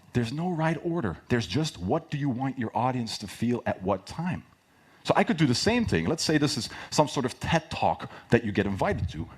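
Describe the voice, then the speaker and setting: A man's voice: mid-range voice, husky. A man giving a live public speaking workshop as a coach, with a projected, emphatic delivery and key phrases repeated for effect. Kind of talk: live workshop presentation with demonstrations.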